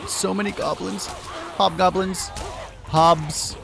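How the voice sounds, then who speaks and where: Male let's-play host, slightly high voice, blunt and sweary gameplay commentary. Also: steady tone, slow, creaky, noisy background.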